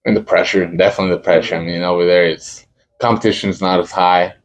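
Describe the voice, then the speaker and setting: On a muffled recording, a young man speaks low with fairly even intonation. He's a college football kicker from Dallas, Texas, a native Spanish speaker, casually fielding interview questions in a halting manner full of fillers as he searches for words.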